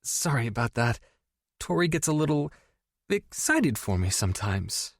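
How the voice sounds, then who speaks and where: For an audiobook, a man performs a guarded young woman in a very deep, slightly rough voice pushed upward and exaggerated, with big pitch swings at normal speed. She keeps tight composure while sounding a bit exasperated and easily embarrassed, and the studio sound is clean with no echo.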